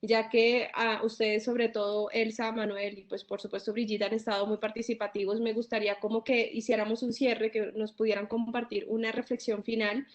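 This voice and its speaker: A woman's voice: a little high, little pitch movement, moderate pace, few pauses, muffled recording. A woman moderating a seminar panel, thanking the guests and steering the talk toward a close in a courteous way.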